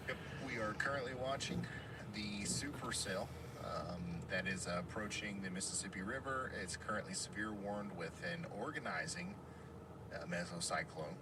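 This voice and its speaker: A man explaining weather informally in live storm-chase commentary, halting and repeating his phrases. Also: lowish voice, expressive. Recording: very loud vehicle noise, distant mic.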